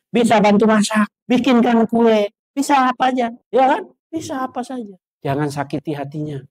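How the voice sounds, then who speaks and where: A man preaching to boarding-school students. He acts out scolding parents with sound effects and swings from loud raised lines to low hushed asides. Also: no echo. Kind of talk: sermon to students.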